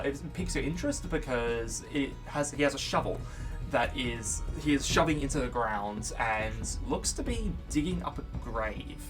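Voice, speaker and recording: Relaxed male game master, mid-range voice, loose, rambling scene-setting. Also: mid-range voice. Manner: rambling, loose, many fillers and restarts. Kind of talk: narrating a tabletop game. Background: background music.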